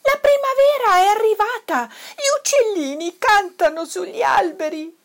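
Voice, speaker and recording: A woman voicing an eager, impatient little bear cub who squeals with excitement in a storybook. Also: very high-pitched, slow, voice pushed up, full character voice. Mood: excited.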